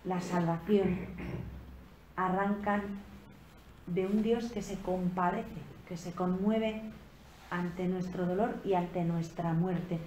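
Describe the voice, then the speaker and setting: A woman's voice: on the low side, fairly even intonation, a little mellow. Reflective woman preaching in an echoey room. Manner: slow, reflective, with emphatic rises on key phrases. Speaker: preacher giving a retreat talk. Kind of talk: spiritual sermon on a Gospel passage. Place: convent retreat room. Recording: echoey room with faint background noise.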